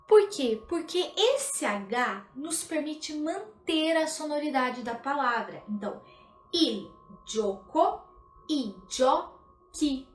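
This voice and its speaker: A woman teaching Italian in a live online lesson. She explains patiently, often checks in with "tá?", and slows down to model pronunciation. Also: high-pitched, lively intonation. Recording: echoey room, livestream audio.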